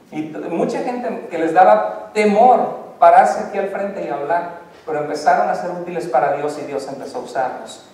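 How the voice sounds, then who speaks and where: A man, preaching a lively sermon straight to his congregation. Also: on the high side, slight background noise. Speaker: pastor. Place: church sanctuary. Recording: echoey church hall from a far-off mic.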